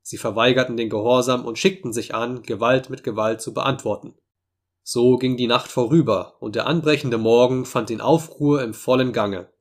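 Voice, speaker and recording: A man narrating a classic novel as an audiobook, in a steady, measured storytelling voice. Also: medium pitch. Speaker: audiobook reader. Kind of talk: scripted narration.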